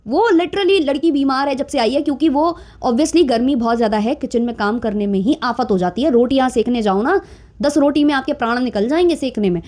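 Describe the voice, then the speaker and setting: High-voiced outspoken woman commentator. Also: a little mellow. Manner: outspoken, indignant ranting. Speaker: YouTube commentator. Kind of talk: casual commentary vlog.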